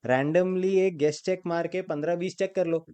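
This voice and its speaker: A man's voice: high voice, steady tone, moderate pace, dark tone, clean tone. Man teaching a class, quizzing students. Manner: quizzing students, prompting answers; mixes English terms into Hindi. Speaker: accounting teacher. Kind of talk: classroom lecture with call-and-response.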